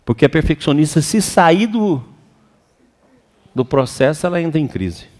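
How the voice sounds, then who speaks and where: Animated high-voiced Brazilian man lecturing. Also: normal speed. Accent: Brazilian Portuguese. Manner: animated and colloquial, acts out quoted voices. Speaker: seminar speaker. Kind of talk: lively spiritual seminar lecture. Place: lecture hall with an audience. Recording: reverberant hall.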